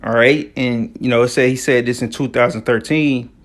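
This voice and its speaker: Speaking at a moderate pace with fairly even intonation, this mid-range male voice belongs to a US religious commentator. His talk on news and scripture is conversational and slangy, studded with repeated fillers like "you know" and "all right."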